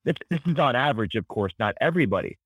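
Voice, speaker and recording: A podcast guest who is an author and psychology educator, this man has a mid-range voice with a fairly bright, breathy edge and a dry, close sound with no echo. He talks fast with lively intonation and high energy. Articulate and emphatic, he explains concepts conversationally, like an educator being interviewed.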